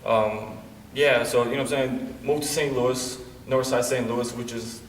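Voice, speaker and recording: This casual interview guest is a late-twenties Bosnian wrestler with an easygoing manner and a habit of saying "you know what I'm saying" constantly. His voice is medium in pitch, with fairly even intonation and a moderate pace, and the audio has slight background noise plus roomy echo from a distance.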